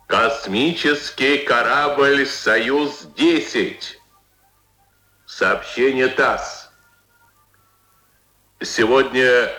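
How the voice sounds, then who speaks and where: A man booming out a solemn, ceremonial Soviet state radio announcement in measured, sonorous declamation. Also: bright, forceful tone. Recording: echoey archival Soviet radio broadcast.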